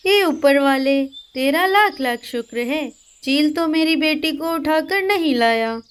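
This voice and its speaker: A woman's voice: high-pitched, animated, slow pace, slight background noise. A woman voicing an anxious, caring mother sparrow in a cartoon. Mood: worried.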